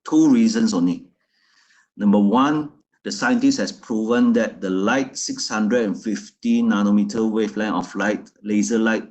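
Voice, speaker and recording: A man's voice: lowish voice, darkish tone. A man presenting a product in a loose, repetitive way, often restarting his phrases.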